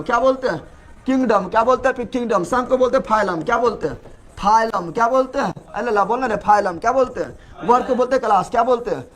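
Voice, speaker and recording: A male teacher gives a classroom lecture, asking a question and repeating the answer over and over. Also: very high-pitched. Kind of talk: classroom lecture with call-and-response.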